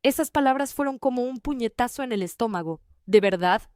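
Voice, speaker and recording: A woman reading a first-person family story in an even, measured way. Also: sits high, clean tone, dry recording, clean studio sound. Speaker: narrator.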